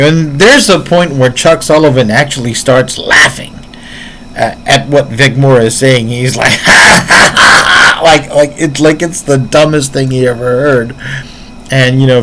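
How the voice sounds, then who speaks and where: A man's voice: mid-range voice, steady tone, unhurried, noisy background. A man giving casual reaction commentary on martial arts, explaining his points earnestly while thinking aloud.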